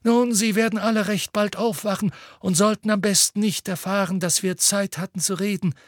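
A man voicing an old, wise wizard headmaster in an audiobook, earnest and measured. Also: sits high, fairly even intonation, no room sound, studio quality, voice pushed up, close to an everyday voice. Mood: urgent. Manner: earnest, measured, drops to a whisper. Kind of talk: audiobook reading.

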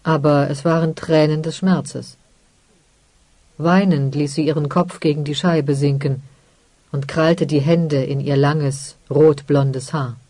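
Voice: medium pitch, dry recording. Ruhiger Hörbuchvorleser mit dunklem Klang. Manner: calm, measured storytelling. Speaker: audiobook narrator. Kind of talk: scripted narration.

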